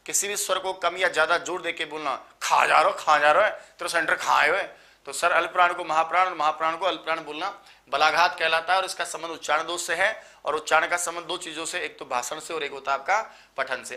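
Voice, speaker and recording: A man, tired after just waking up, teaching a live online exam-prep lecture and listing terms in quick runs. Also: on the high side, sharp tone. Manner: explanatory, lists terms in quick runs, addresses students as sir.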